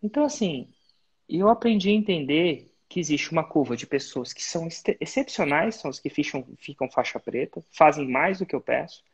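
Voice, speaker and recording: A man with a fairly high, expressive, slightly rough voice speaks briskly. As a business mentor hosting a live coaching session, he gives students direct, instructive advice, using sports-belt metaphors.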